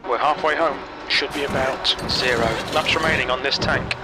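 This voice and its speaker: A man voicing a racing game's spotter, giving terse, clipped pit radio calls over loud engine noise. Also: medium pitch, steady tone, moderate pace, natural voice. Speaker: race engineer voice of a racing game.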